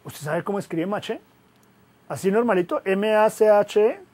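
A high-pitched man lectures a class as a guest web consultant. He keeps it lively, firing off rhetorical questions and poking fun at his own slips. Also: normal speed. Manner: lively, asks rhetorical questions, jokes at himself.

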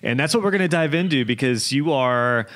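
A man's voice: mid-range voice, lively intonation, fairly quick, a bit bright. A young man hosting a podcast interview, speaking in an upbeat, chatty way into a studio microphone. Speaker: podcast host. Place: small home studio. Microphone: podcast mic on arm.

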